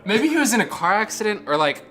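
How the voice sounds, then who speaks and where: A man's voice: high voice, sing-song, fast, bright, forceful tone, soft background music. A drunk man rambling through a casual, profane comedic film review. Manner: profane, ranting. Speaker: movie reviewer.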